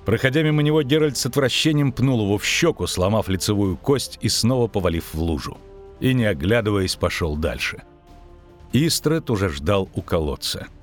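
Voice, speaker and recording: Low-voiced man narrating an audiobook. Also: expressive, normal speed, faint music behind.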